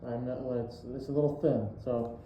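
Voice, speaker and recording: A man's voice: mid-range voice, steady tone, normal speed, roomy sound, highs cut off, a little hiss or hum. A man talking casually through a respirator mask as he spray paints in his home shed, showing how a job is done. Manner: laid-back, enthusiastic shop talk. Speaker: DIY vlogger.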